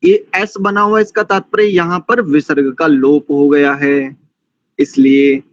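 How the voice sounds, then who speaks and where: A man teaching mantra recitation, chanting each verse slowly and deliberately before explaining the correct pronunciation. His voice sits a little high for a man and sounds dull and lo-fi. The recording is dry. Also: level tone, no room sound. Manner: admonishing, didactic.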